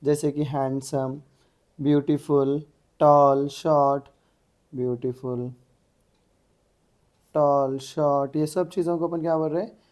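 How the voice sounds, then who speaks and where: A man's voice: fairly high pitch, level tone, slow, long pauses, darkish tone. Man, grammar tutor, asks and answers his own questions, exam-prep lesson. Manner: asks the class questions and answers them himself.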